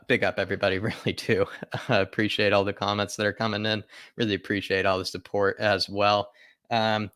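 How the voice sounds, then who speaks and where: Reading viewer comments aloud, a man hosts a football fan livestream in a fairly low, forceful voice. He speaks casually and directly to his audience, frequently repeating phrases for emphasis. The sound is dry and close.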